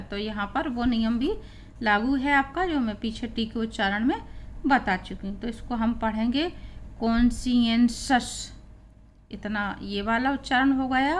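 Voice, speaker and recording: A woman's voice: a little high, slight background noise. A woman teaching an English pronunciation lesson, explaining rules step by step and spelling out letters one by one. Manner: slow, deliberate, spelling out letters.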